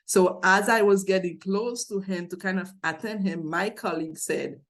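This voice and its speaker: A woman's voice: medium pitch, normal speed. Haitian-accented woman telling her story. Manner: earnest, thoughtful, with frequent restarts. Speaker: guest. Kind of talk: reflective interview storytelling.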